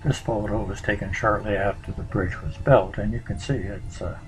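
A man presenting a local history slideshow in a relaxed, conversational way, pausing often on fillers. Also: fairly low pitch, faint music behind, low-quality recording.

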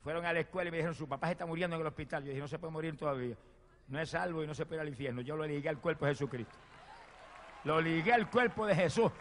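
A man preaching a sermon and telling his own testimony, fervent, swinging from loud exclamations to hushed storytelling. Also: on the high side, fairly even intonation, rapid-fire. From Puerto Rico. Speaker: evangelist preacher. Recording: long hall reverb.

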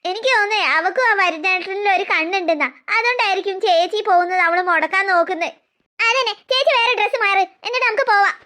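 An eager little sister from a cartoon story, played by a woman, chatty and quick to take sides. The voice is very high and bright.

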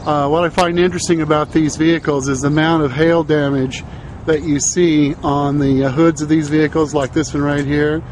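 A man giving casual, unscripted commentary on a field video, speaking haltingly. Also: fairly high pitch, little pitch movement, darkish tone. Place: moving car and open roadside. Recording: very noisy vehicle and outdoor field recording.

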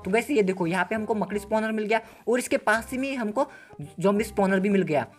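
A man giving Let's Play gameplay commentary as a gaming channel host, excitable and full of slangy exclamations. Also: high voice, quick pace, soft background music.

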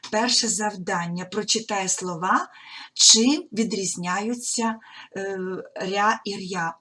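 A woman teaching a primary school language lesson on video, sounding out words slowly and carefully as if dictating. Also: medium pitch, fairly bright tone, slight background noise. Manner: slow, careful dictation-like articulation, stretching out words.

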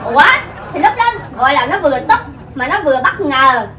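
A sharp-tongued woman with a Southern Vietnamese accent, swearing and talking back in a casual argument. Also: high voice, very animated, fairly quick, a loud crowd. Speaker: vlog co-star. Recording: roomy distant mic with clear background noise.

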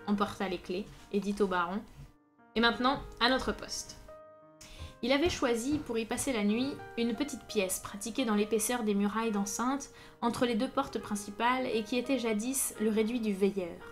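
A woman reading a classic adventure story aloud in a lively, dramatic storytelling manner. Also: mid-range voice. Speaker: audiobook reader. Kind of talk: expressive audiobook narration. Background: faint piano music.

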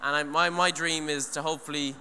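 Into a handheld mic on a large hall stage, a young man from Ireland gives a heartfelt, wandering talk at an eco event, full of false starts and "you know". He speaks fairly quickly in a slightly high, sharp voice with a flat delivery. The sound has a long hall reverb plus faint noise.

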